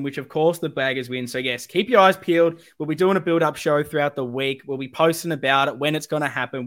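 A football fan podcast is hosted by a man whose voice is a little high and whose Australian accent is broad. He's passionate and emphatic, swearing freely and wandering off on tangents.

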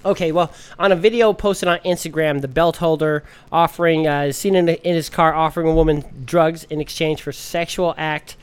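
A man's voice: a little high, fairly even intonation, moderate pace, few pauses, clear, resonant tone. A man co-hosting a casual podcast, laughing often as he reads news aloud. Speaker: podcast co-host. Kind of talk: casual chat.

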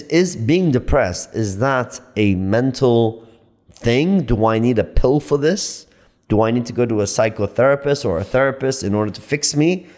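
A man in his late thirties arguing his point in a casual podcast chat, emphatic and animated, often repeating himself. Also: mid-range voice. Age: 30s. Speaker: podcast guest.

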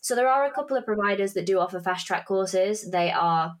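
A young woman in her twenties, a podcast host and finance tutor, talks fairly fast at medium pitch in a chatty, swearing, self-mocking way. She's congested from hay fever, and the casual chat includes some promotion.

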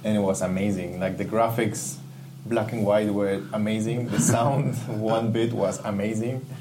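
In a casual interview chat, a man from Ecuador who works as a game UI/UX artist talks a little slowly in a lowish voice. He hunts for words, sounding both reflective and enthusiastic. A steady hum runs underneath.

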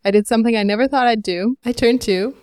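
A woman's voice: a little high, fast. A woman, a podcast correspondent, telling a wry story in a chatty way.

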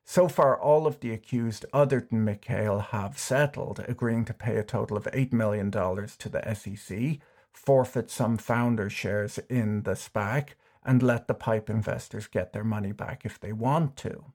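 A man hosting a scripted finance explainer, delivering it with dry, wry deadpan humor. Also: fairly low pitch, moderate pace. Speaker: YouTube finance commentator.

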